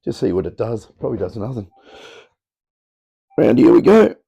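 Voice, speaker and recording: A middle-aged Australian man hosts a casual electronics demo in a cluttered home workshop, his medium-pitched voice warm, gravelly, husky and croaky from talking all day, with big pitch swings at a moderate pace. He rambles offhandedly in chatty explanations, recorded by a camera mic on a tripod with dull audio.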